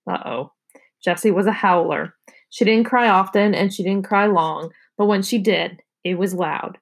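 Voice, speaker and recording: A woman, a teacher, reading a children's chapter book aloud with expressive narration. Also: medium pitch, normal speed. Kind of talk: storybook read-aloud.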